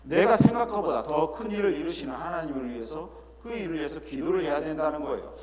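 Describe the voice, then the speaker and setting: A middle-aged male pastor preaching an earnest sermon, often asking rhetorical questions and dropping into softer asides. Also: a little high, expressive, fast, a crowd in the background. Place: church sanctuary. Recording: echoey church hall with congregation.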